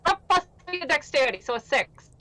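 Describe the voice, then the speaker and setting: A woman takes part as a player in a tabletop game, talking in an eager way. Her voice is high and swings widely in pitch. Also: animated, quick pace, bright, forceful tone, dry recording.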